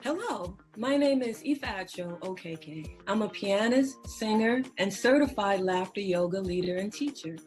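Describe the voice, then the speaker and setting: A woman's voice: mid-range voice, animated, a little slow, few pauses, a little mellow, faint music behind, rough recording. A young woman teaching laughter yoga, chanting, clapping and breaking into hearty laughter as she guides the group. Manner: chants and claps, bursting into hearty demonstration laughter. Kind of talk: leading a laughter yoga session.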